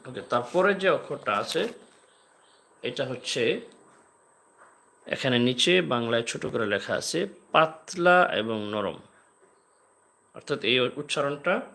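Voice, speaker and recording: Bright-voiced man teaching letter sounds. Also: mid-range voice, gravelly. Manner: slow drilled letter sounds with repeated examples; patient explaining. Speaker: Arabic alphabet teacher. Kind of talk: live online lesson.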